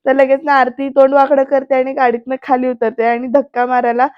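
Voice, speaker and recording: A woman narrates a recap of a TV serial episode and talks straight to her viewers. Her voice is high and stays fairly level. The voice-over is dry and sounds a little dull and lo-fi. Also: monotone, fairly quick, smooth, dry recording. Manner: chatty, addresses the viewers directly.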